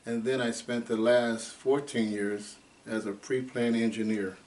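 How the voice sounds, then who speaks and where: A man in his eighties from Ohio, telling his life story in an oral history interview at an unhurried, rambling pace with many fillers. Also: medium pitch, little pitch movement, a little mellow. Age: 80s. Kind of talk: unscripted life-story reminiscing. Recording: distant mic with faint background noise.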